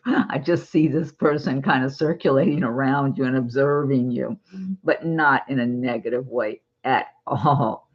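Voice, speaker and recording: A woman giving a chatty, casual tarot reading to her viewers, reassuring and quick to giggle. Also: rumbling low, slightly rough, dull audio. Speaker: tarot reader.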